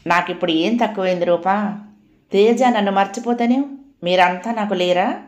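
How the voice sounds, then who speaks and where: A woman doing a gentle sorrowful elder sister. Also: lowish voice, moderate pace, lo-fi sound, lightly acted. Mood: tender. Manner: soft, affectionate. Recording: roomy echoey home recording.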